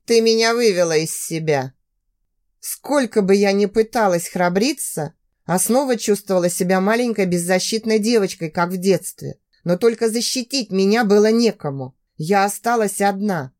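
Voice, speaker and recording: A woman reads a dramatic story aloud in the first person, at a medium pitch. She puts heated emotion into the dialogue while keeping the narration steady. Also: normal speed. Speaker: audiobook narrator.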